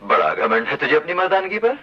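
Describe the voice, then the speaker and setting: An actor playing a menacing, boastful gang boss in an arrogant, threatening way in a melodramatic Bollywood film. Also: male voice, a little high, huge pitch swings, quick pace. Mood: indignant, boastful. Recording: dull lo-fi old film soundtrack.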